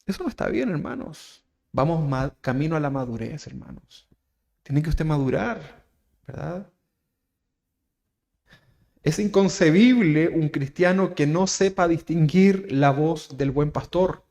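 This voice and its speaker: A man with a Chilean accent preaches to his congregation as their pastor, his voice sitting a little high. He keeps asking his listeners questions and checking in with "¿verdad?", pushing key phrases up loud and then dropping to quiet asides. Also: unhurried, creaky. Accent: Chilean Spanish. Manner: preaching with rhetorical questions, frequent "¿verdad?", rising emphasis and soft asides. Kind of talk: sermon. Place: church.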